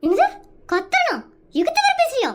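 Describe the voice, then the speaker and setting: A performer voicing a frazzled young mother in a cartoon comedy, nagging and yelling threats at her sleepy son. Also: very high-pitched, big pitch swings, moderate pace, very noisy. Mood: scolding. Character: scolding frazzled young mother, shrill temper. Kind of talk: Tamil cartoon comedy dub.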